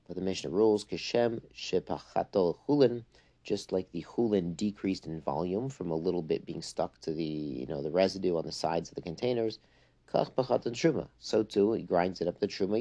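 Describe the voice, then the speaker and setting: A man's voice: deep voice, mellow. A man giving an informal religious text lesson, explaining step by step and peppering his English with Hebrew and Yiddish terms. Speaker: religious teacher.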